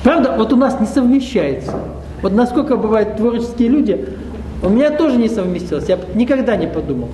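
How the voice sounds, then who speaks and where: In a roomy, echoing hall, a man with a high, warm voice teaches a spiritual seminar to a live audience. He's expressive and fairly quick, speaking conversationally, asking the room questions and adding wry asides, with slight background noise.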